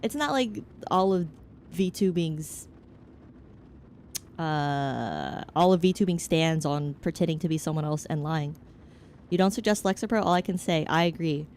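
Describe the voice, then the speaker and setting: A woman's voice: low voice, lively intonation, unhurried, darkish tone, a little hiss or hum. A young woman streaming as a VTuber, chatting casually with her chat in a rambling, frank, joking way that hops from topic to topic. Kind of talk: casual chat, answering chat while gaming.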